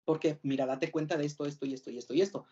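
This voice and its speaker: A man's voice: a little high, steady tone, very fast, dark tone. A man with a Mexican Spanish accent giving a mock lecture to a class as a professor. He rambles, corrects himself and fires off rhetorical questions. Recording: dull lo-fi recording.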